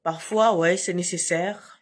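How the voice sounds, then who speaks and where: A woman's voice: lowish voice, steady tone, a little slow. A woman hosting a casual live stream from home on her phone, talking in a combative, emphatic way with frequent laughs.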